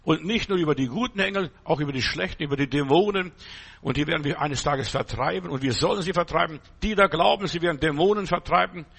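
A man's voice: fairly high pitch, quick pace, vocal fry, a bit bright, slightly rough. A man preaching an emphatic sermon, repeating his points and quoting scripture.

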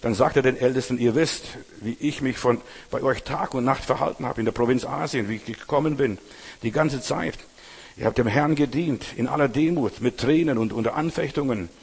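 A man's voice: medium pitch, fairly quick, vocal fry, a little mellow, husky, long reverb tail. A man preaching a sermon emphatically, repeating phrases for stress and speaking straight to his listeners. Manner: addresses listeners directly.

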